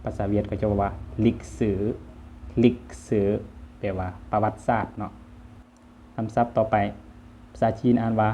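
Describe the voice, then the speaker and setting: A man with a Lao accent giving a vocabulary lesson, saying each word twice, louder and higher, between plain friendly explanations. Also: steady tone, brisk, long pauses, a little hiss or hum. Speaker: language teacher. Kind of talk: vocabulary lesson, reading words aloud twice. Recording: dull lo-fi sound.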